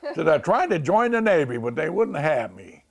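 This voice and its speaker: Very gravelly old American veteran remembering. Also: male voice, on the high side, sing-song, moderate pace. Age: 90s. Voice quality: gravelly, creaky aged voice. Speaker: World War II veteran. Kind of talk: oral history reminiscence.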